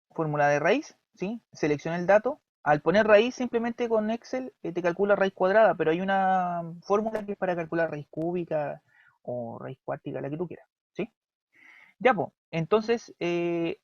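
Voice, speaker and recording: A man's voice: sits high, dry recording. A man with a Chilean accent who teaches an online class, explaining step by step and often checking in with the students. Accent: Chilean Spanish. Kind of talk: recorded online class lecture. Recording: dry, dull lo-fi mic.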